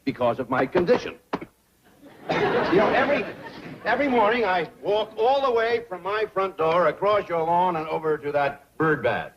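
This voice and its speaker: An actor playing a pompous, middle-aged city banker with proper diction, easily flustered, in a television sitcom. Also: male voice, high-pitched, sing-song, moderate pace, muffled recording, a crowd in the background. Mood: self-satisfied. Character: fussy, self-satisfied city banker. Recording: noisy old TV soundtrack.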